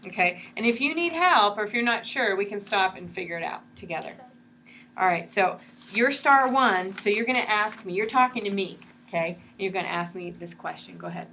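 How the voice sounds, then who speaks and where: A woman's voice: medium pitch, animated, brisk, pushed and bright, a little hiss or hum. A woman teaching a one-on-one reading lesson, explaining patiently and encouraging her student step by step.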